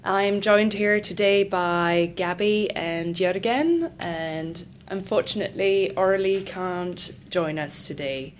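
A young woman from Sweden hosts a relaxed group chat among international students. She talks easily, with lots of laughter, and her voice sits in a middle range. A faint hiss runs under the recording. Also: medium pitch, takes it slowly, hardly any pauses. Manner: chatty, laughs often. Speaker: host. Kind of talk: casual chat. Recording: faint background noise.

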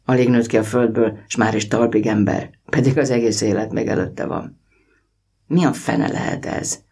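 A man reading a children's story aloud in an expressive storybook narration. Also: fairly low pitch, creaky, husky.

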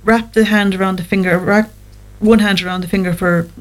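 A woman with a medium-pitched voice talks as an expert guest in an interview. She explains practical advice step by step in a conversational way. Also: fairly even intonation, fairly quick. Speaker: guest anxiety therapist on a show.

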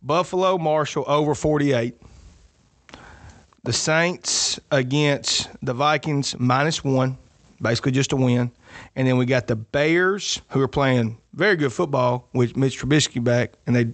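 A man co-hosting a casual sports podcast, boasting as he lays out his picks. His voice sits at a middle pitch and is recorded dry and close, with no room sound. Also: no echo. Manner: boastful, joking, drawn-out picks. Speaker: podcast co-host. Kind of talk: casual sports betting chat.

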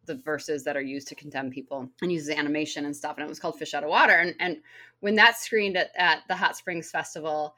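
A woman's voice: low-pitched, fairly even intonation, a little fast, bright, forceful tone. A woman talking casually, with a friendly, informal way of telling things. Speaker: documentary filmmaker. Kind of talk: casual conversation.

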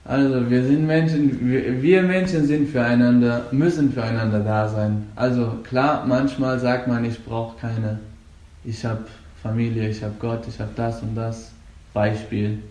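A young man from Afghanistan, speaking German as a second language, talks earnestly about coaching jiu-jitsu, with halting restarts. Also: mid-range voice, steady tone, a little mellow. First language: not German. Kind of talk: casual interview. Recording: echoey room.

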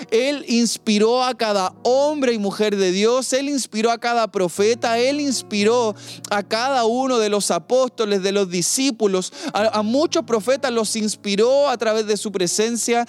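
A woman preaching a sermon in emphatic, repeating cadences, often stopping to ask her listeners a quick rhetorical question. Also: on the high side. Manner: emphatic, repetitive cadences, frequent rhetorical asides.

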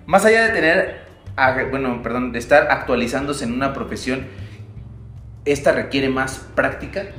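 A man's voice: mid-range voice, fairly bright tone, a little hiss or hum. Joking Mexican man hosting, echoey. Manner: playful, joking, quick laughs. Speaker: podcast host. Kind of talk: casual interview. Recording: echoey room.

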